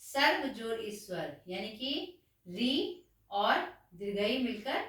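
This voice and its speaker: A woman teaching a grammar lesson to children, speaking slowly and patiently, asking questions and answering them herself. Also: a little high, sing-song, a bit bright. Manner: slow, patient, calls the students children. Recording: very echoey room, voice far from the mic.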